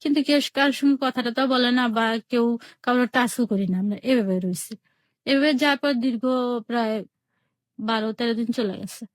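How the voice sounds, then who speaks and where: Talkative Bangladeshi woman, high dry voice. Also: a little fast, dry recording. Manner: plain spoken, repeats herself, retells each exchange in quotes. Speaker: caller telling her life story. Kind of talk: personal storytelling on a radio call-in show.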